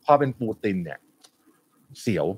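A man on a talk show panel, talking in an animated way about world affairs and politely cutting in. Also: a little hiss or hum. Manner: lively, apologetic interjections, quick laughs. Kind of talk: casual discussion of current affairs.

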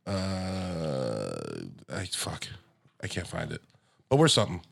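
A young man with a low voice that swings up and down a lot, co-hosting a loose podcast chat. He teases his friend, laughs often and lets his lines trail off quietly. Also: sing-song, takes it slowly, creaky. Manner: teasing, laughs often, drops low and quiet at line ends. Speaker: podcast co-host. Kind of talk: casual chat.

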